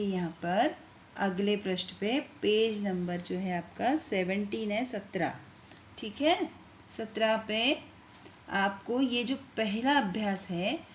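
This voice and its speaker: A woman teacher giving a lesson to young children. She talks patiently and stretches words into slow syllables so they can repeat them. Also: medium pitch, reverberant, slight background noise. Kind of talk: online class lesson.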